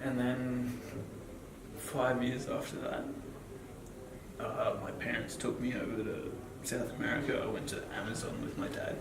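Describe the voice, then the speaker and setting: The Australian man, in his twenties, has a mid-range voice and a flat delivery at a moderate pace. In this casual interview chat he rambles with frequent fillers and swearing, heard through echoey, distant, noisy audio.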